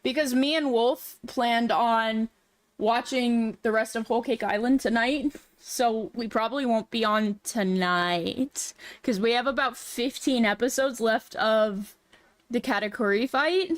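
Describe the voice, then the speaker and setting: A woman hosting a casual livestream, chatting in a cute, animated anime-streamer way with drawn-out words. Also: on the high side, dry recording. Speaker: VTuber livestream host. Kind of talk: casual livestream chat while drawing.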